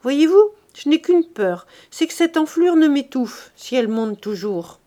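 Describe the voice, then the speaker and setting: An old, bedridden lady in an audiobook novel, cheerful and oblivious to her illness. Her voice rises high and carries a light, chatty brightness, given by a woman narrator. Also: sing-song, a little slow. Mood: cheerful worry.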